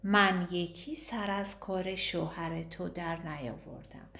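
A woman's voice: lowish voice, fairly even intonation, creaky, a bit bright. Woman narrator doing a teasing chatty woman friend, audiobook, roomy sound. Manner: bantering, gossipy.

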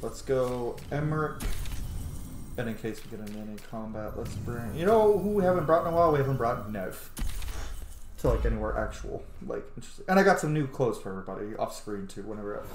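Crowd noise, roomy echo and game ambience fill the background as a streamer in his thirties comments casually on his let's play. He speaks fairly quickly at a medium pitch with lively intonation, sounding enthusiastic and swearing a lot.

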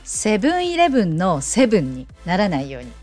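Brief: female English teacher, playful coaxing pronunciation lesson, lively intonation. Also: fairly quick, over music. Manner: animated, lively pitch.

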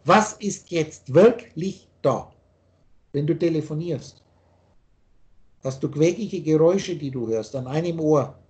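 Older man, high and mellow voice, rambling spiritual lecture over a video call, insistent, lots of restarts. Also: animated, measured pace, pauses often. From Austria. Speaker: spiritual teacher.

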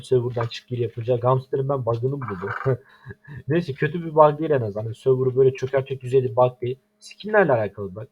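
A man's voice: medium pitch, slight background noise. A young man from Turkey with a Turkish accent, commenting over his own game and complaining in exasperation. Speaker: gaming YouTuber. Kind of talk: gameplay commentary.

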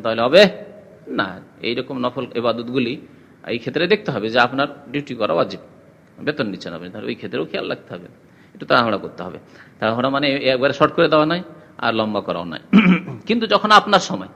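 A man's voice: medium pitch, pushed and bright, big-room sound. A man teaching a religious lesson, asking the class questions and reciting Arabic. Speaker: Islamic teacher.

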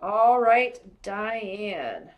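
A woman's voice: mid-range voice, big pitch swings, drawn-out words, rough recording. A woman hosting a live pearl-opening sale, chatting casually and gushing to viewers by name. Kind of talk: casual live-stream sales chat.

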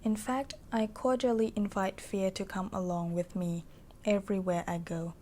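A woman voicing a caring girlfriend in an ASMR role-play, soft breathy pillow talk, as if reading her partner to sleep. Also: mid-range voice, fairly even intonation, drawn-out words, slight background noise. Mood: soothing, tender.

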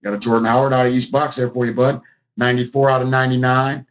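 Male live-stream card break host, casual and chatty with viewers, mid-pitched, slightly lo-fi sound. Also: little pitch movement, fast talker. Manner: chatty, talks to viewers by name.

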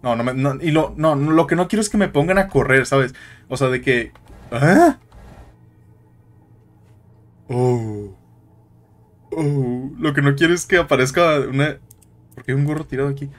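A man giving jittery, excitable let's-play commentary, tossing in English slang as he plays. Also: medium pitch, normal speed. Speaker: gaming YouTuber.

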